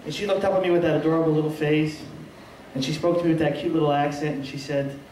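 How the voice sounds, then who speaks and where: High-voiced stand-up comic in an echoey room. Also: male voice, steady tone, fast talker, darkish tone, slight background noise. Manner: self-deprecating, punchy one-liners. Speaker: stand-up comedian. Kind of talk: stand-up comedy set. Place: small restaurant comedy stage. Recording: echoey room, far from mic, crowd laughing.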